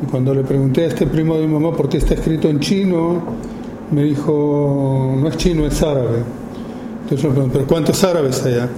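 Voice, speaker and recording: A man in his fifties from Argentina with an Argentine Spanish accent, speaking informally to an audience about his work, slowly and with many pauses and fillers. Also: on the high side, steady tone, roomy sound, background noise. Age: 50s. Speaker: photographer giving a talk.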